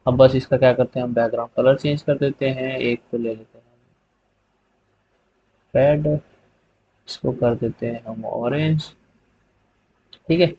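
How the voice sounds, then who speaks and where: A man with a voice of middle pitch explains a spreadsheet tutorial step by step over a screen recording. His delivery is relaxed and repetitive, checking in with a quick "okay" as he goes. The recording sounds a little dull and lo-fi. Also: breathy edge, dry recording. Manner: relaxed step-by-step explaining, repeating "theek hai" often. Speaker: tutorial host.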